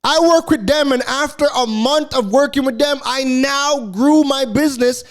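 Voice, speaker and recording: A man voicing an over-excited coaching client who gushes breathless, fawning praise. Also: extremely high pitch, moderate pace, pitched above the performer's own voice. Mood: gushing.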